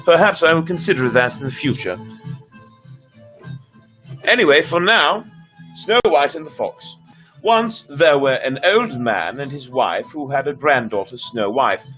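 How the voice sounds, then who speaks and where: A storyteller streamer reads stories aloud on a casual livestream, dramatizing them theatrically and tossing playful asides to his viewers while music plays in the background. His medium-pitched voice is animated and a bit bright, with a measured pace and frequent pauses. The audio is poor.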